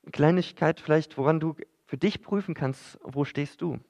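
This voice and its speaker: A man's voice: on the high side, moderate pace, darkish tone. A man preaching a sermon in church, in a conversational way that addresses the listeners directly, with frequent fillers.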